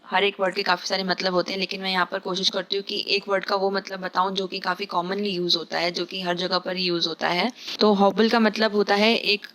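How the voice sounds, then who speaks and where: A woman teaching English vocabulary in Hindi, patiently explaining each word and slowly reading example sentences, with frequent fillers. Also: medium pitch, level tone, fairly bright tone, a little hiss or hum. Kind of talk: Hindi-language vocabulary lesson.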